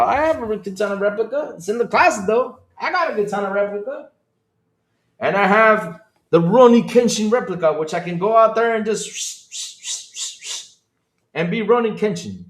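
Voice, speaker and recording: A man from the Dominican Republic hosting a casual gaming podcast stream, animated and laughing, moving from loud outbursts to mumbled asides. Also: sits high, reverberant. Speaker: podcast host. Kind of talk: casual livestream chat.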